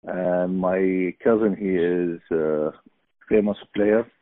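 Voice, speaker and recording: Middle-aged man, slow and halting, dry phone-line sound. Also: low voice, no echo. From Iraq. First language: Arabic. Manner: halting, searching for words, many fillers. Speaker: podcast guest. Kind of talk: casual interview.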